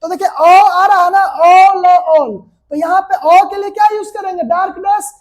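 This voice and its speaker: A female shorthand teacher with an Indian Hindi accent gives a classroom lecture, walking through each step and tossing quick questions at her students. Her voice is very high, with fairly even intonation.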